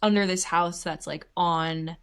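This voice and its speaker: A woman's voice: on the low side, steady tone, unhurried, clean tone. A woman co-hosting a podcast, chatting casually about a horror film, laughing often and acting out lines from the movie. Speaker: podcast co-host. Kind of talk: casual film review chat.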